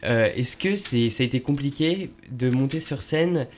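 A man's voice: mid-range voice, animated, normal speed. Male radio host in reflective conversation.

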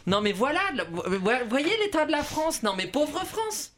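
A man's voice: fast talker, close to an everyday voice. An actor playing an outraged, reactionary man on the street in an improvised radio comedy, ranting and squealing. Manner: indignant, ranting, voice jumping to a shrill squeal. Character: outraged reactionary old-fashioned man passer-by.

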